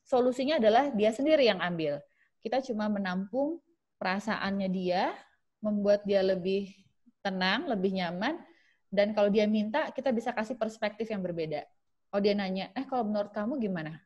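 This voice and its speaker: A woman's voice: mid-range voice, moderate pace, darkish tone. A woman speaking as a psychiatrist in an online webinar talk, acting out short dialogues between parent and child as examples. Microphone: video call. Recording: lo-fi video call audio.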